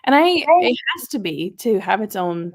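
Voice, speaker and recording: Woman host, casual stream chat, a bit of vocal fry, reads comments out loud. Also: medium pitch, big pitch swings, normal speed. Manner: chatty, reads viewer comments aloud. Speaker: livestream host.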